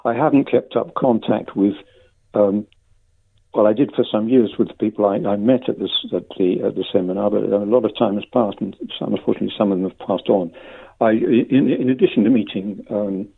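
An older man giving a hesitant, stammering interview with measured academic phrasing over a phone. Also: fairly low pitch, creaky, slightly rough. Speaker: interviewee, lexicographer. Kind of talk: interview conversation. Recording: narrow phone-like line.

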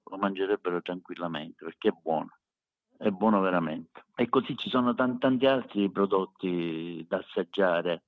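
A low-pitched male voice with a Sicilian accent, talking casually in an interview. He is emphatic and repeats himself to make a point. The sound is slightly dull and lo-fi. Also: normal speed. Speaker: street food cook, interview guest. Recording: echoey room, dull lo-fi sound.

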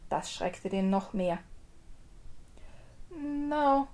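A woman narrates a fairy tale in a lively storytelling voice. Her pitch sits in the middle of the range. Now and then she pauses to explain the regional words. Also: slightly rough.

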